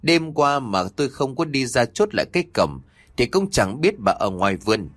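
A man voicing a gruff, stubborn elderly village grandfather in a spoken horror story, talking in a scolding, brusque way. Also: medium pitch, very animated, moderate pace, fairly bright tone, no echo, voice pushed up.

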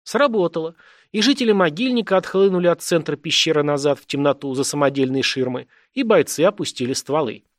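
A man reading an audiobook in measured, dramatic narration. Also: on the high side, expressive, dry recording, studio quality. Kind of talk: scripted narration.

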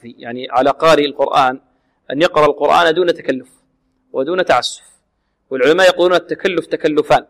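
A man teaching the rules of Quran recitation, slowly sounding out letters and syllables, then asking his own questions and answering them. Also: on the high side, long reverb tail. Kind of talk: tajweed lesson with demonstrations.

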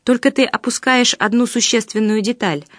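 A calm, grave man speaks in a steady, measured way, read by a woman in an audiobook. The recording is dry and close. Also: a little high, no echo, lightly acted. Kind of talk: audiobook reading.

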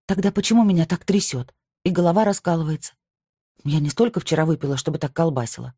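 A woman's voice: deep voice, steady tone, fast, warm tone, husky, no room sound, studio quality, pitched above the performer's own voice. A reader voicing a confused young woman who is shivering and asking urgent, pleading questions in an audiobook. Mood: alarmed. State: shivering, headache.

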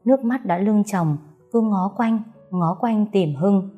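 A woman narrating an audiobook story in a steady, even manner. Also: medium pitch, a little slow, breathy edge, soft background music.

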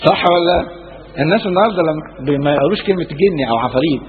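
A man's voice: fairly high pitch, lively intonation, rapid-fire, a little hiss or hum. A man with an Egyptian Arabic accent teaching a religious lesson in colloquial speech, telling the story with animation, acting out the dialogue and putting questions to his listeners. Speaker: preacher teaching the Prophet's biography. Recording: tinny phone-like lo-fi sound.

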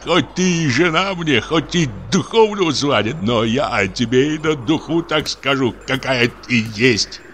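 A man's voice: mid-range voice, expressive, a little slow, hardly any pauses, a bit bright, slight background noise, voice pushed up. A man voicing a superstitious village church sexton who grumbles, whines and hurls accusations. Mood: frantic accusing. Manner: whining, accusing and frantic.

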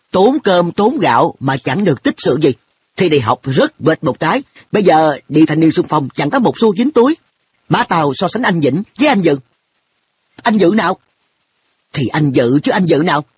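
A man's voice: on the high side, sing-song, normal speed, slightly rough, pitched above the performer's own voice, exaggerated voice. A man doing a cheeky carefree schoolboy. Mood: blunt. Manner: offhand, blunt boyish talk. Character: boy An, carefree, teasing, money-minded.

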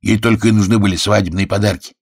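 A man's voice: fairly low pitch, steady tone, fast, creaky, husky, dry recording, clean studio sound. A man voicing a flustered, indignant middle-aged husband who sputters and insists.

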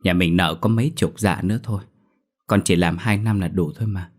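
A man voicing a gentle, dutiful sixteen-year-old peasant boy who reassures his parents. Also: low-pitched, fairly even intonation, a little fast. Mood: reassuring. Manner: soft, reassuring.

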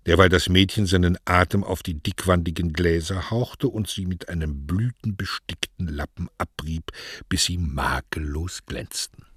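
A man narrates a novel for radio in lively, expressive storytelling. His voice is low and husky. The recording is dry and close. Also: moderate pace, no room sound. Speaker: reader. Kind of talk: audiobook narration.

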